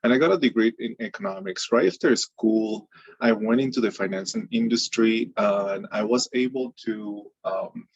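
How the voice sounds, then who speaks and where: A man's voice: mid-range voice, moderate pace, creaky, breathy edge, no room sound. A man, giving a friendly, upbeat webinar presentation and often restarting and repeating his words. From Venezuela. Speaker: webinar presenter, microloan director. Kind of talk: casual online webinar presentation. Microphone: video call mic. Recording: dull, lo-fi video call audio.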